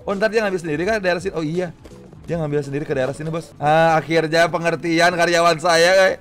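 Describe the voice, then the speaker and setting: A man's voice: on the high side, steady tone, a little fast, a bit bright. A young man giving playful, exclamatory, slangy commentary on a video game, often repeating his words. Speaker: gamer, video host. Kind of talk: casual gameplay commentary. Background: game music.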